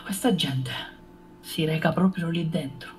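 Measured man role-playing at a tabletop game. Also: a little high, soft background music. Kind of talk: casual in-character role-play. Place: indoor room, online group stream.

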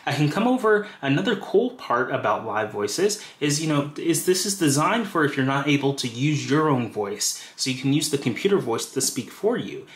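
A man's voice: mid-range voice, sing-song, normal speed, few pauses. A man casually walking through a phone setup tutorial step by step, with fillers like "you know". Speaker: tech tutorial presenter. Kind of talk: screen-recorded how-to walkthrough. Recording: roomy echo.

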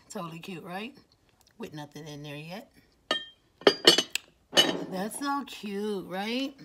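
A woman's voice: lowish voice, noisy background. Woman esthetician, casual vlog delivery, enthusiastic and chatty, talks to viewers as y'all. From Miami, USA. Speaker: esthetician and beauty business owner.

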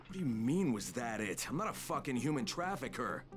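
A man's voice: mid-range voice, sing-song, brisk, music in the background, natural voice. A man playing a blunt, hot-headed, swearing undercover operative in a video game. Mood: indignant. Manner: blunt, profane.

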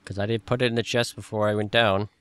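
A man's voice: on the low side, steady tone, quick pace, fairly bright tone, clear, resonant tone, dry recording. A man hosting a casual gaming session over voice chat, rambling and trailing off mid-sentence. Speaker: let's play host.

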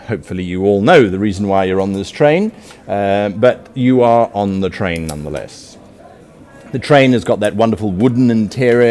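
A man's voice: on the low side, darkish tone. A man narrating a live tabletop game as game master, storytelling theatrically at a convention session.

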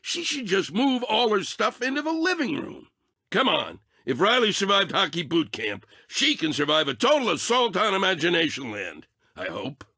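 A man voicing Anger, a short-fused, sarcastic cartoon emotion in a video game, with a raspy, blustering, exasperated delivery. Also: high-pitched, big pitch swings, moderate pace, pushed and bright, no room sound, studio quality, full character voice. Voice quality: raspy, gravelly, tense. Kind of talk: animated video game character acting.

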